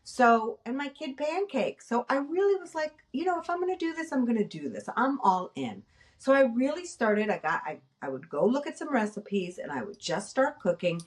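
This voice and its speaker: A middle-aged woman hosting a casual talk show, animated and self-mocking, acting out her own past thoughts. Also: fairly high pitch, normal speed, far from the mic. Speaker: nurse and podcast host. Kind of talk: casual chat.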